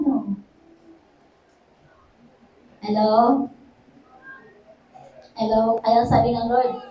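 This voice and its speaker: A high-pitched woman preaching an emphatic sermon, firing rhetorical questions and calls of "Amen?" at her congregation. She mixes Tagalog with English. Her voice comes from far off in an echoey church hall, with a faint hum of noise behind it. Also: warm tone. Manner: switches between Tagalog and English.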